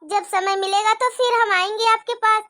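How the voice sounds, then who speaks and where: A worried young mother in a cartoon story, voiced by a woman, high and bright and close to the mic. She speaks anxiously and dotes on her daughters. The voice is dry and direct. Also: fairly even intonation, normal speed, dry recording. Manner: anxious, doting.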